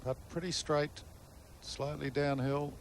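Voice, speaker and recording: A man giving live golf commentary, explaining play in measured, short phrases. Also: fairly high pitch, steady tone, heavy background noise.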